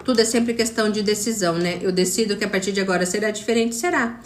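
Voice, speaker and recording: Talking fast at medium pitch, a Brazilian Portuguese-accented woman runs a motivational live stream as a spiritual coach, repeating herself for emphasis and calling out viewers by name. The audio sounds roomy with a little hiss or hum.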